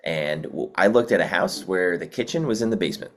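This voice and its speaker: A man's voice: low-pitched, brisk. A middle-aged man from the Philadelphia area with a Delco accent, co-hosting a casual podcast and rambling through stories. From Delaware County, Pennsylvania. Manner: rambling, storytelling, frequent likes and ums. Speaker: podcast co-host. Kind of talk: casual chat.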